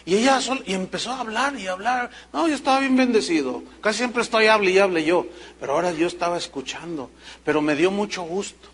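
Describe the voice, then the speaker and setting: A man preaching a sermon as pastor, telling stories in an animated way and acting out the voices of the people he quotes. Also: high voice, fairly quick, a little hiss or hum.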